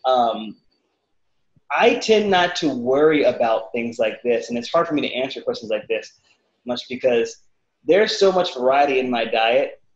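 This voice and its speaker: A man in his thirties, a fitness cook answering interview questions casually over a video call from his living room, lively and acting out quotes. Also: medium pitch, moderate pace. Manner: animated, acts out quotes with voices. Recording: roomy, slightly dull video call audio.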